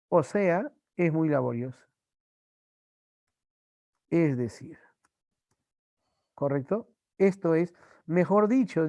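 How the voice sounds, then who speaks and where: A male teacher from Peru giving an online language class, slowly repeating examples and his students' answers. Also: on the high side, a little mellow, no echo, dull audio.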